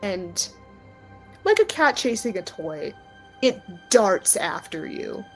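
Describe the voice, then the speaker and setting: A woman with a medium-pitched, slow voice full of big pitch swings runs a tabletop roleplaying game as game master. She improvises, narrating conversationally and descriptively, with background music playing behind her.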